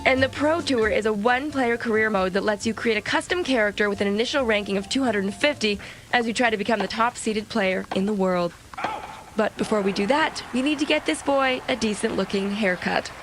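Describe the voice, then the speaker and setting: A woman's voice: on the high side, brisk, a bit bright, soft background music. A woman co-hosting a video game review show, reading scripted reviews with dry, wisecracking jokes. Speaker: TV show co-host.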